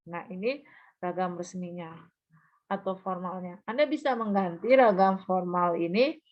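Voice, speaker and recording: A woman teaching a language lesson, patiently explaining and modeling example phrases aloud, with quick checks that the listener understands. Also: on the low side. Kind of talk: recorded online lesson. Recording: dull, muffled lo-fi sound.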